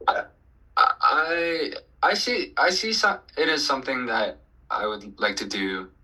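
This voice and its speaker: A man of twenty from Colorado, a band's singer, answering interview questions in a relaxed, hesitant way. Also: mid-range voice, unhurried, slightly rough, rough recording. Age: 20s. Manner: relaxed, hesitant with fillers and restarts. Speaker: band singer and bassist.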